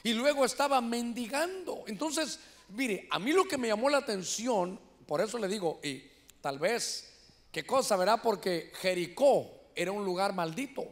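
A Honduran man preaching from the pulpit with a strikingly high voice. He talks in an animated, energetic way, keeps calling his listeners "brother," and raises his voice when he acts out people crying out. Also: moderate pace. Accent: Honduran Spanish. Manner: animated preaching, often addressing listeners as "hermano"; shouts when voicing quoted cries. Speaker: pastor. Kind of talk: sermon. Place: church sanctuary.

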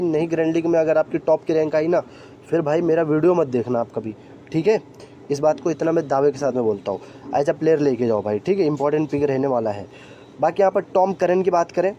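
A man's voice: a little high, dark tone, a little hiss or hum. A man talking casually over a screen recording, giving fantasy cricket picks and often checking in with the listener. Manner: chatty, repeats "theek hai", calls viewers "bhai".

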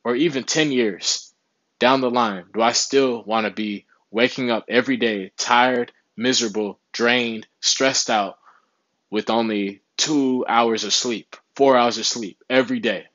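Speaking to camera from a small indoor room, a young adult vlogger offers casual health motivation and keeps dropping "you know what I'm saying." He talks at a medium pitch and a measured pace in a somewhat bright voice, with no room sound and the highs cut off.

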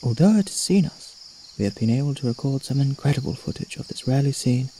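A man delivers nature documentary narration in a dark, relaxed voice of medium pitch. He sounds earnest and measured, keeping to a hushed delivery. Faint cricket and woodland night noise sits behind him.

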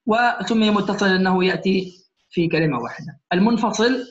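High-voiced man teaching in echoey room. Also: brisk. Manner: patient, keeps checking "alright?" with students. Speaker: Quran recitation teacher. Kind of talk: classroom lecture. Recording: echoey room, muffled lo-fi sound.

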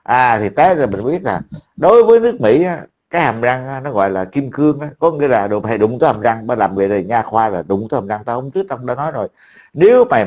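A man's voice: on the low side, darkish tone. A man, talking casually to a friend as an online commentator, blunt, profane and mocking.

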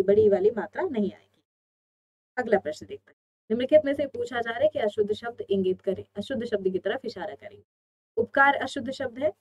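Woman, online exam-prep teacher, higher voice, asks and answers her own questions, dull lo-fi sound.

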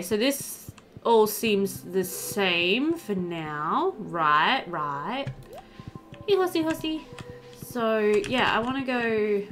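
A gaming video host in her thirties speaks in a medium-pitched, slightly bright voice, chatting casually through a let's play in a room at home. Game music runs in the background while she thinks aloud and talks to the characters.

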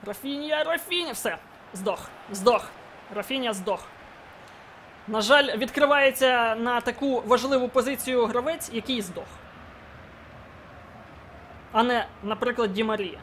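A young man commenting live on his own football video game match, excitable and bursting into shouts at big moments. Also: extremely high pitch, unhurried, pauses often, slight background noise. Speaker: gaming channel host.

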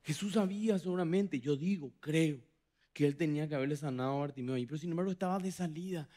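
A man preaching a sermon as pastor, dramatic, acting out quoted voices with big swings from loud to hushed. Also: fairly high pitch, quick pace. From Paraguay. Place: church hall.

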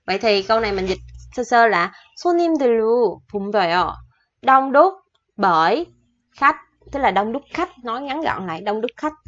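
A woman teaching Korean vocabulary, patiently slowing down to spell out the grammar and pronunciation rules. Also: on the high side, a bit bright, dull audio. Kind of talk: explaining vocabulary lesson.

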